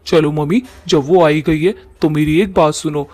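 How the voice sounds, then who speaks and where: A lovestruck young man pleads eagerly with his mother, voiced by a man. His voice is fairly high, and the recording is dry and close. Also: fairly even intonation, moderate pace, darkish tone, no room sound, close to an everyday voice.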